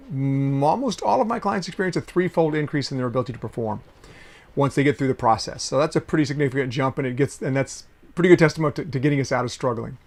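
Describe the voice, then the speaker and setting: A middle-aged man, a consultant, teaching in a conversational way from a small sailboat cabin office, with frequent restarts and some throat clearing. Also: medium pitch. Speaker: consultant teaching systems mapping. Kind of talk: casual talking-head lesson.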